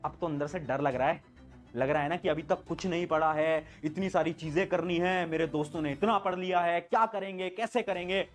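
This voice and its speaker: Tutor, young adult male, fairly high voice, motivational and direct, faint music under him. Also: fairly even intonation, a little fast. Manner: pep-talk, addresses students directly, repeats phrases. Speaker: online tutor for board exams. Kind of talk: motivational exam-prep talk to students. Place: indoor room, standing before camera.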